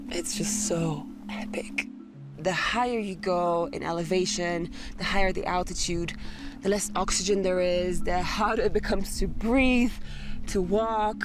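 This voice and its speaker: A woman vlogging on camera outdoors high on a mountain, breathless and exclaiming as she climbs. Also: moderate pace. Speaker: travel vlogger. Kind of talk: on-camera vlog. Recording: music playing under voice.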